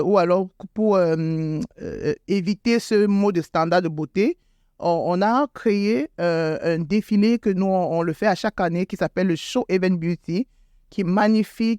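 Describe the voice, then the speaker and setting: A woman with a fairly low, mellow voice, recorded cleanly in a studio with no room sound. She's a beauty salon owner and guest, an adult with school-age children, answering interview questions hesitantly with lots of fillers and repeated words, her voice rising sharply whenever she stresses a point.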